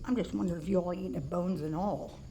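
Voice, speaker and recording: A woman's voice: lowish voice, quick pace, background noise. A woman talking casually and affectionately to animals in a folksy way, as if filming at home.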